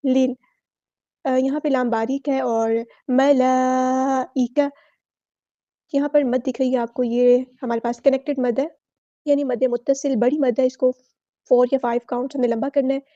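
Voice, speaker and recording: Woman tajweed teacher with a Pakistani Urdu accent, high and level, mellow tone, slow chanted words between quick explanations. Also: level tone, dry recording, highs cut off. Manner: slow drawn-out recitation alternating with brisk explanation. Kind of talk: word-by-word recitation lesson.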